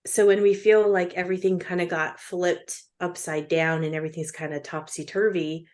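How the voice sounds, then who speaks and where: A woman's voice: on the low side, flat delivery, normal speed, darkish tone. A woman co-hosting a casual chat podcast, chatty with fillers and frequent laughs. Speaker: podcast co-host.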